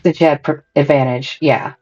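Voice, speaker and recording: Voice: mid-range voice, fairly even intonation, normal speed, darkish tone, breathy edge. A game master casually and hesitantly narrating a tabletop role-playing game. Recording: dull lo-fi audio, faint music behind.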